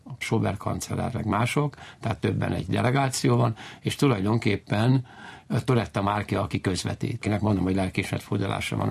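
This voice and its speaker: Gravelly and husky, with a voice on the low side, this man talks history informally during an interview. He's forceful and prone to digressions, repeating his key points again and again.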